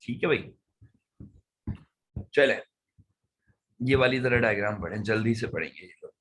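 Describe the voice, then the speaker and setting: A man's voice: fairly low pitch, expressive, normal speed, a bit bright, a little hiss or hum. A man teaching biology, patiently walking students through past-paper questions in mixed Hindi and English. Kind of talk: online past-paper lesson.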